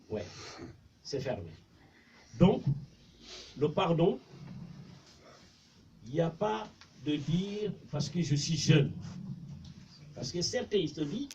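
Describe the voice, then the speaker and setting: Recorded faintly noisy, dull and lo-fi from some distance, a Senegalese man preaches in a fairly high pitch. He is a Mandinka speaker with a Senegalese French accent, and his informal religious talk is conversational and repetitive, with recited Arabic verses.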